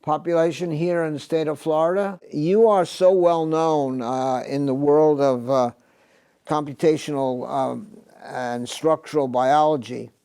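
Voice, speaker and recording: An older man hosts an interview on a TV studio set, talking through a lapel mic. His voice is mellow and dark, and he stops often on filler sounds as he searches for words. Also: a little high, steady tone, smooth. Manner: halting, many filler sounds. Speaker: host.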